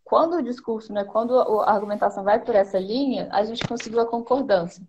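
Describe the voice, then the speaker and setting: A woman's voice: a little high, fairly quick, darkish tone, a little hiss or hum. Brazilian woman explaining policy over lo-fi stream. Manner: methodical, lays out points one by one. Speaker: education policy consultant, guest. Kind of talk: explanatory live-stream conversation. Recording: dull lo-fi stream audio.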